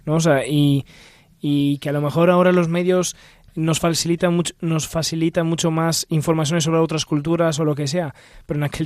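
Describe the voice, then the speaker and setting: A man's voice: on the high side, darkish tone, dry recording, clean studio sound. A man from Italy speaking Spanish, a religious guest on radio, thinking aloud and searching for his words.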